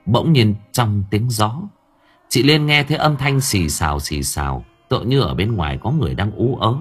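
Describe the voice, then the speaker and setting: A man with a husky, fairly low voice narrates a story. His pitch rises and falls in an animated storytelling manner. Faint music plays underneath. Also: normal speed. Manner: expressive, lively storytelling. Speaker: audiobook narrator.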